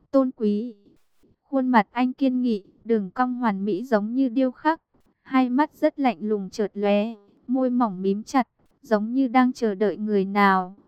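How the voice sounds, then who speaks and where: A woman reading a romance novel aloud as an audiobook narrator, in an even, measured way, keeping her own voice for the quoted lines. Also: on the high side, clean tone, no room sound, muffled recording.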